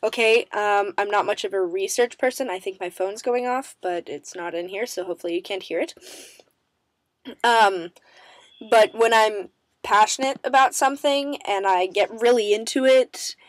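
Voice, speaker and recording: A woman's voice: mid-range voice, normal speed, dry recording. A woman chatting casually to camera, bubbly and rambling, her voice scratchy as she recovers from a sore throat. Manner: bubbly, self-mocking, rambling with many ums. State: raspy voice, recovering from strep throat, coughing. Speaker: vlogger answering viewer questions.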